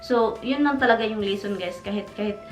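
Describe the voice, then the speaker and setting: Filipina vlogger who keeps saying "guys". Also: female voice, mid-range voice, fairly quick. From Philippines. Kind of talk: casual storytime monologue. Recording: echoey room with faint music.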